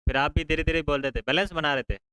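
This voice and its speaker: A male teacher, bantering with his class and teasing students into speaking up loudly. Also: a little high, steady tone, very fast, clean tone, dry recording, poor audio.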